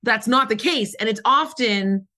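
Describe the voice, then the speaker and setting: A woman's voice: on the high side, measured pace, pushed and bright. A woman hosting a podcast interview, asking long, encouraging questions with fillers.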